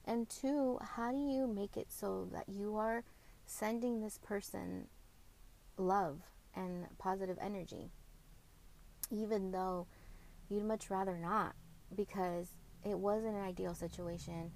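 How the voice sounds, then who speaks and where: On poor audio, a podcast host with a gravelly, slightly mellow mid-range voice and fairly even intonation talks openly about co-parenting. She reflects with frequent pauses, fillers, and self-corrections, and she grew up speaking Spanish at home in a family of Mexican heritage.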